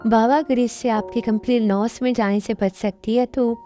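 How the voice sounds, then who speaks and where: A woman voicing a gentle young adult daughter in an amateur dub, speaking softly and earnestly. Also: fairly high pitch, fairly even intonation, normal speed, soft background music, close to an everyday voice.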